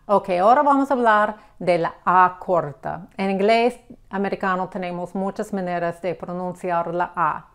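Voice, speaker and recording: A woman teaching English pronunciation, explaining slowly and checking in with the listener as she gives examples. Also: fairly low pitch, clear, resonant tone. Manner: patient, repeats examples, checks with "ok?". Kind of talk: slow explanatory lesson.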